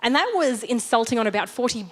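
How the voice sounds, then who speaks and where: A woman's voice: fairly high pitch, expressive, fast. A woman with an Australian accent giving a conversational sermon, telling a personal story in a chatty, self-deprecating way. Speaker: church speaker.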